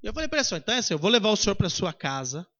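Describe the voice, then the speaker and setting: A man's voice: high-pitched, rapid-fire, muffled recording. A man with a Brazilian Portuguese accent preaching, telling a testimony to his congregation and acting out the dialogue. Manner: animated, acts out dialogue, addresses congregation as brothers. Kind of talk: sermon testimony storytelling.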